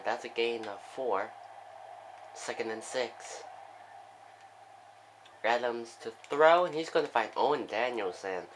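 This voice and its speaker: A young man giving casual play-by-play commentary on a football video game, with excitable bursts on big plays and chatty asides. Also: medium pitch, a little hiss or hum, rough recording.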